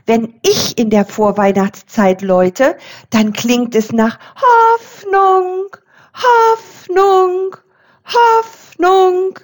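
High eager little bell for a storybook, woman reading, proud tone. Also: drawn-out words, heavily acted. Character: smallest youngest bell, proud and excited.

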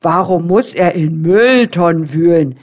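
A woman's voice: fairly low pitch, a little slow, a little mellow, pitched below the performer's own voice. A woman doing a grumpy wild boar. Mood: grumbling. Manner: grumbling, pushed out.

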